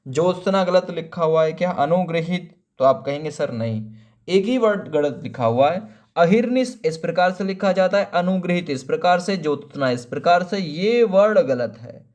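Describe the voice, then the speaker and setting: Man teaching spelling, pitched up. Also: animated, darkish tone. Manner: explains each option, asks rhetorical questions; drawn-out spelling of words. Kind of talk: exam-prep spelling lesson.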